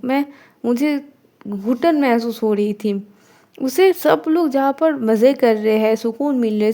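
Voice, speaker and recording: High-voiced woman telling a love story. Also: warm tone. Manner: conversational, filler "ना", repeats and restarts. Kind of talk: casual spoken story narration.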